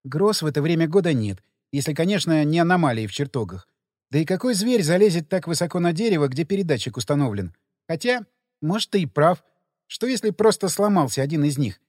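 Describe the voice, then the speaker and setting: Chimera: a man putting on a sharp-tongued young woman. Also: fairly high pitch, sing-song, brisk, no room sound, studio quality, big-room sound. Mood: brisk. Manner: curt, caustic retorts.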